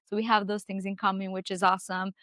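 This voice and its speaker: Woman podcast host, mid-pitched and clear; bubbly, encouraging interviewer. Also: little pitch movement, fast, fairly bright tone, no echo, clean studio sound. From Brazil. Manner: upbeat, enthusiastic, encouraging.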